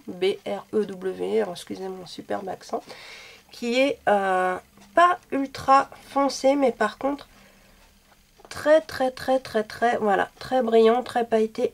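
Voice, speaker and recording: A woman reviewing makeup in a chatty, self-deprecating way, a little sick and coughing now and then. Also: fairly high pitch. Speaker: beauty vlogger.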